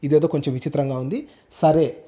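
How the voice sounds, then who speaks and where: A man narrating a first-person ghost story in an animated way, acting out what others said. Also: on the high side, fairly quick. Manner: animated, acts out quoted speech.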